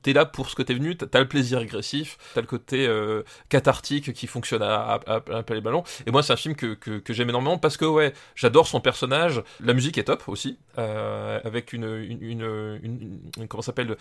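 A man's voice: mid-range voice, steady tone, a little fast, hardly any pauses. A man co-hosting a podcast, talking in an enthusiastic, slangy, casual way. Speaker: podcast co-host.

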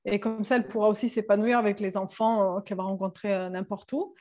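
A Serbian-accented woman in her thirties speaks as an interview guest in a relaxed, conversational way. She pauses often, fills gaps with little hesitation sounds and restarts her sentences. Her pitch sits in an ordinary middle range. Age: 30s. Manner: hesitant, many fillers and restarts. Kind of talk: casual interview talk.

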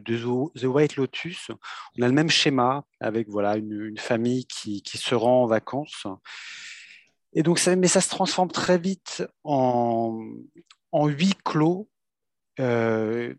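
Slow, measured male film critic. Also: mid-range voice, dry recording, studio quality. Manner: measured, hesitant, many fillers. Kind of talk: casual radio review.

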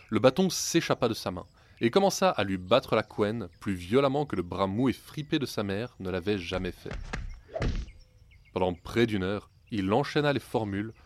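A man narrating a fairy tale with a wry, ironic storytelling manner. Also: fairly low pitch.

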